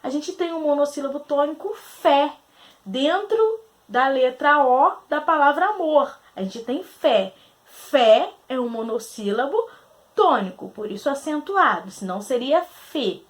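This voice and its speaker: A woman teacher from Brazil going through quiz answers, asking questions aloud, answering them herself and spelling out syllables slowly. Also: sits high, animated. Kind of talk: recorded grammar lesson.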